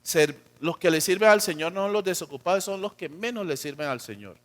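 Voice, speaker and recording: A man with a Colombian accent preaching a sermon as pastor, swinging between loud emphatic lines and quiet dropped endings, and acting out quoted voices. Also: high voice, animated, a little fast. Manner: acts out quotes of God and of church members.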